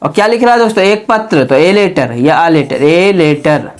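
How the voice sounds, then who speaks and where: A man with a slightly high, animated voice teaches a spoken grammar lesson at a moderate pace. He repeats his points and keeps asking the class rhetorical questions, calling them his friends.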